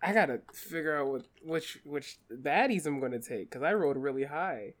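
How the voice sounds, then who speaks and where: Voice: mid-range voice, expressive, normal speed. A player in a tabletop game, talking casually and swearing, and narrating what their character does.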